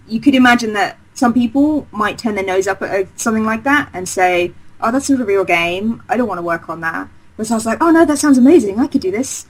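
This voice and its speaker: A woman from Essex, England, a game designer guesting on a casual interview, tells her career story in a rambling, chatty way. Her medium-pitched voice comes through a rough recording, packed with fillers, restarts and enthusiasm.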